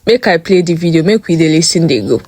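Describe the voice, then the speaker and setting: A woman's voice: sits low, quick pace, a little mellow, no room sound, a faint crowd. A woman with a Nigerian accent talks in casual Pidgin commentary. She is emphatic and throws out rhetorical questions. The sound is very dry, with hardly any room to it.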